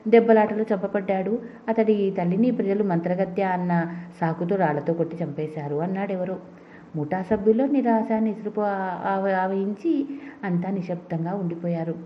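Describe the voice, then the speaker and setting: Woman narrating a storybook, lo-fi. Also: medium pitch. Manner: steady reading with small restarts. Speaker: audiobook narrator. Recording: dull lo-fi recording.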